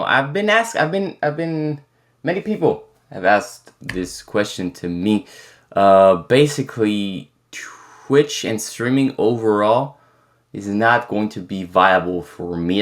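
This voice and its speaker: A young French man in his twenties, a native French speaker with a mostly American-sounding English accent, casually answering viewer questions and rambling with many restarts. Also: on the low side. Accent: American-leaning English with slight French. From France. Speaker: content creator. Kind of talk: casual Q&A chat.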